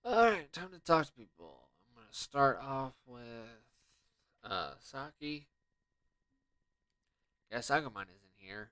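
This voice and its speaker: Male let's-play host, casual rambling commentary, smooth, clear tone, dry close sound. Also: medium pitch, animated, slow pace, long pauses, fairly bright tone, no echo. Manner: joking, rambling, trails off with "I guess". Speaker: gaming video host.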